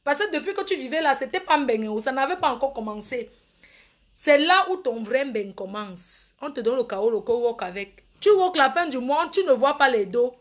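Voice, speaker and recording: Animated high-voiced comic storyteller. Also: female voice, moderate pace. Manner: animated, laughing, acts out phone calls. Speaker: comedian.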